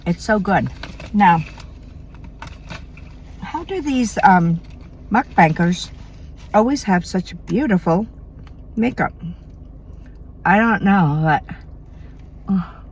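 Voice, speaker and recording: Slow gravelly middle-aged woman vlogger. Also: mid-range voice, lively intonation, slight background noise. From Maine, USA. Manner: chatty, eats between sentences. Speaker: mukbang vlogger. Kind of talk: casual eating vlog chat. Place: home at night.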